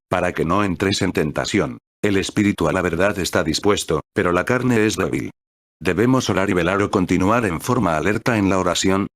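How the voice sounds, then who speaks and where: Deep-voiced man reading a devotional book. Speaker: audiobook reader. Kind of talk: read aloud devotional audiobook.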